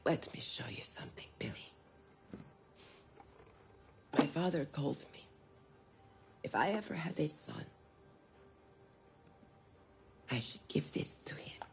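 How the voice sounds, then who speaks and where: A woman playing a long-suffering, protective mother in a video game drama, with a breathy voice and careful, formal phrasing. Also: a little high, big pitch swings, normal speed. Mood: tender, hushed. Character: gentle but defiant, long-suffering mother and wife.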